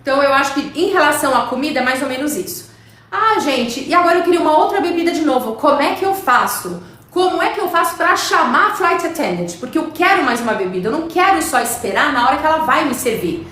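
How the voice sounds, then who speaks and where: A high-voiced woman from Brazil teaches English in a live stream. She talks in a chatty way and answers viewers' comments as she goes. Her voice rings in a very echoey room with a faint hiss underneath. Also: lively intonation, fast talker, fairly bright tone.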